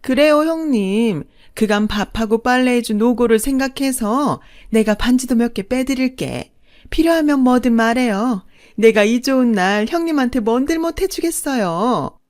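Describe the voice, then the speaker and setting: A woman's voice: a little high, moderate pace, darkish tone, voice pushed up, natural voice. A woman voicing a greedy, snobbish middle-aged mistress who mocks and looks down on others, in a storybook narration. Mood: gloating. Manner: haughty, mocking.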